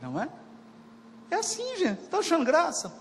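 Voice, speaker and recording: A man's voice: very high voice, wildly swooping pitch, moderate pace, a little hiss or hum. A man giving a spiritist lecture to an audience, talking colloquially, repeating phrases for emphasis and putting questions to his listeners. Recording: reverberant lecture hall.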